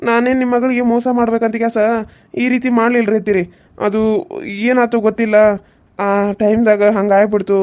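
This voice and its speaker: A woman's voice: fairly high pitch, flat delivery, fairly quick, pauses often, a little mellow, lightly acted. A woman voicing an earnest young village husband in a cartoon serial, apologizing. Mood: apologetic pleading. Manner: pleading, apologetic.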